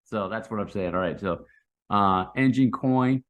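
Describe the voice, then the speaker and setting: Male crypto bro commentator, slightly low register, off-the-cuff and hyped, buddy-style slang, repeats himself for punch. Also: a little slow, fairly bright tone. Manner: hyped, slangy crypto bro talk, saying 'man', 'dude' and 'guys'; rambling, repeats phrases for emphasis. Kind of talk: casual unscripted market commentary.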